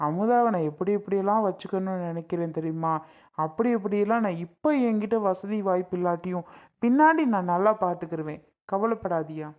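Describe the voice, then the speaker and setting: A woman's voice: lowish voice, darkish tone, close to an everyday voice. Woman voicing an earnest young village groom. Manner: earnest, promising. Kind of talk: cartoon voice acting.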